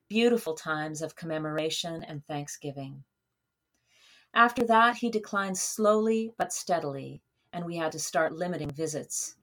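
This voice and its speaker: A woman narrates a personal memoir in a fairly low voice. She reads in a measured, earnest way, letting each phrase sink softly at its close. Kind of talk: reading a memoir aloud.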